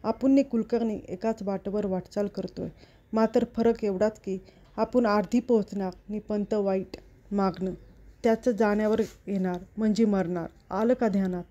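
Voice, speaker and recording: A defiant village rebel leader rallying starving people in a rousing, commanding rural dialect, as a woman storyteller reads him. The voice is mellow and warm, with a dull lo-fi sound to the recording. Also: mid-range voice, fairly even intonation, moderate pace, lightly acted.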